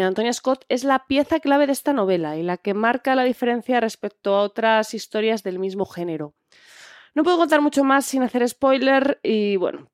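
A woman's voice: on the high side, no echo, clean studio sound. A woman, hosting a book recommendation podcast in a chatty, reflective way with frequent filler words. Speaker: podcast host.

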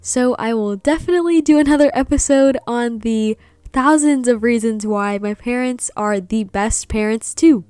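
Slightly high-pitched and clear with a resonant tone, a young woman speaks at normal speed as host of a personal podcast, sharing earnest reflections on her upbringing. A native Vietnamese speaker, she keeps her delivery soft before dissolving into giggles at the end, with no room sound on the recording.

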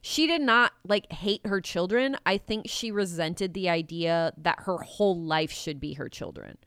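Sarcastic young woman with a smooth, dry voice. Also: lowish voice, a bit bright, no room sound. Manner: sarcastic, swears freely, mimics historical figures in quick asides. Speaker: podcast co-host presenting the episode's research. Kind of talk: casual comedic history chat. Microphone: video call.

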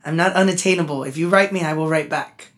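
Animated, talkative male musician guest. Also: on the high side, quick pace. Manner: animated, talkative, gets emotional. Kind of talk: casual podcast interview.

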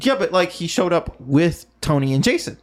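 A young man hosting a podcast, teasing his guests and jumping in with quick remarks. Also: on the high side, sing-song. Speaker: podcast host. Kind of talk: casual chat.

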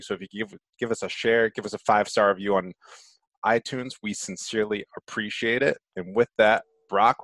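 Man, low pitch, casual podcast host, informal, enthusiastic, close dry sound. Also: a bit bright, no room sound. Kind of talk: casual upbeat podcast hosting.

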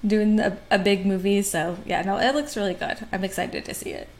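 A woman co-hosting a film podcast in casual chat, upbeat and quick to laugh. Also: mid-range voice, fairly even intonation, darkish tone. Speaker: podcast co-host.

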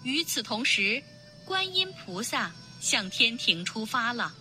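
A woman narrating a children's storybook in a clear, expressive, unhurried way. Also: fairly high pitch, soft background music.

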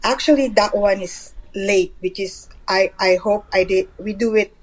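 A woman in her forties with a Filipino accent and a mid-pitched voice talks as an interview guest. Her style is casual and conversational, in English with some Tagalog mixed in. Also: fairly even intonation, measured pace, poor audio. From Philippines. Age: 40s.

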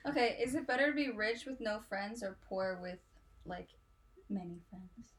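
A woman's voice: mid-range voice, normal speed. A woman chatting casually with friends in an informal, inquisitive way. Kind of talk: casual chat.

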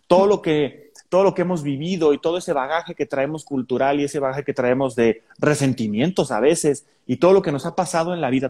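A man's voice: medium pitch, a little mellow. A man with a Mexican accent co-hosting a casual podcast, explaining points and often agreeing with "exactamente". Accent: Mexican Spanish. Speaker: podcast co-host.

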